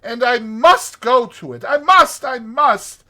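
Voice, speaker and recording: A man's voice: extremely high pitch, expressive, slow pace, bright, forceful tone, pitched above the performer's own voice, full character voice. A man voicing a timid, homesick mole who pleads with stammering urgency in a storybook reading. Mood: anguished pleading.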